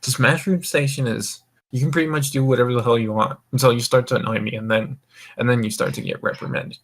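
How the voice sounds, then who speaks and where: Tipsy and rambling, a young man from the US Mountain Time zone hosts a casual group call, cursing and stumbling as he speaks. His voice is medium in pitch, steady, quick and fairly bright.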